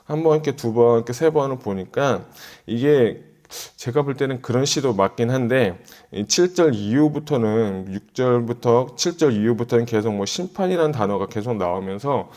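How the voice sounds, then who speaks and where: Middle aged pastor guy preaching, chatty, thinks out loud, gets urgent when he exhorts. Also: mid-range voice, lively intonation, normal speed, hardly any pauses. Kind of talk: sermon, Bible exposition.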